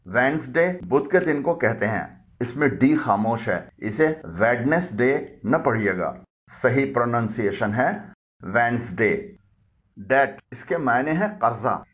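Man calmly explaining word pronunciations. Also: medium pitch, a little slow, dull audio. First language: Urdu. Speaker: language teacher. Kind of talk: explanatory lesson.

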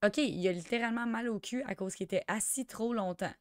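A young woman with a Quebec French accent chatting through a life-sim game, excitable and sprinkling in English slang. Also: on the high side, brisk, dry recording, clean studio sound. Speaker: gamer. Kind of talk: let's play commentary.

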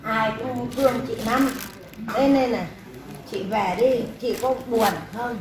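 High-voiced woman medium, scolding motherly tone. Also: fairly even intonation, slow pace, a crowd in the background. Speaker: spirit medium. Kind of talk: speaking as a deceased mother at a ritual. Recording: echoey room with background noise.

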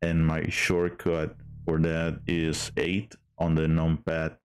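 A man's voice: extremely low pitch, completely flat delivery, slow, clean tone. A man streaming a game in casual chat, hesitant with many fillers and restarts.

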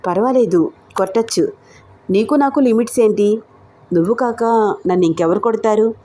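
A woman's voice: mid-range voice, normal speed, mellow, close to an everyday voice. A woman voicing a teasing young man in a romantic audio story, speaking playfully.

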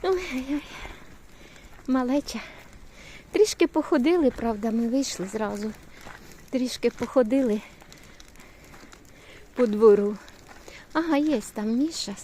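Older grandma cooing at a little kid outside, slow, bit of faint noise behind. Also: female voice, medium pitch, warm tone. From Ukraine. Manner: cooing baby talk to a toddler. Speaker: grandmother vlogger. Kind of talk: casual chat while babysitting. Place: outdoors in a yard.

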